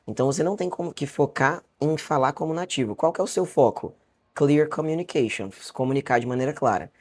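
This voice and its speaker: A Brazilian man with a Brazilian Portuguese accent, teaching a beginner lesson online in a chatty, encouraging way and repeating words slowly for practice. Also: mid-range voice, a little mellow, breathy edge. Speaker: English teacher. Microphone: webcam or camera facing him.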